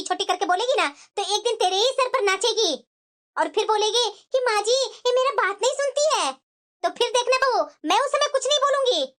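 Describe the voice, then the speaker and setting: A woman voicing a high-pitched nagging cartoon mother-in-law. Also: a bit bright. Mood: coaxing. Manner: nagging, scolding, bossy. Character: scheming meddling mother-in-law, middle-aged woman. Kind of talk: cartoon voice acting.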